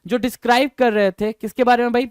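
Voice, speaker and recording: A man with an Indian accent teaching exam English. He reads English lines slowly and explains them quickly in Hindi, with many fillers. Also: very high voice, steady tone, clean tone, no echo, studio quality. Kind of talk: classroom lecture explaining a reading passage.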